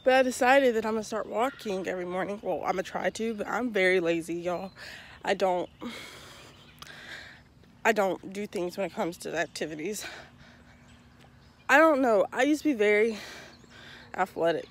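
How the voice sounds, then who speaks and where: A woman's voice: medium pitch, normal speed, long pauses, a little hiss or hum. Breathless young woman vlogging outdoors. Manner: chatty, self-mocking, breathless while walking. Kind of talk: casual walking vlog. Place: outdoors on a foggy neighborhood street. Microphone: handheld phone camera.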